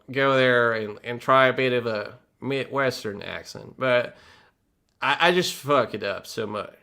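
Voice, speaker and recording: His mid-range voice is pushed and bright as he chats casually on a livestream. A Polish native speaker from Poland with a Polish accent, he keeps restarting his words and rambling, laughs frequently, and stays candid and talkative, swearing a little.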